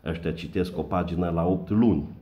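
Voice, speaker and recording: A man's voice: deep voice, lo-fi sound. A man delivering a satirical comedy monologue, mocking and sarcastic, full of puns. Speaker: satirical commentator.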